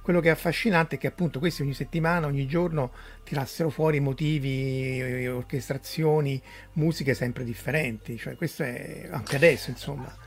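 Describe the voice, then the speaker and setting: A man's voice: mid-range voice, fairly even intonation, fairly quick, few pauses, soft background music. A man hosting a casual chat, asking curious questions with frequent hesitations and restarts.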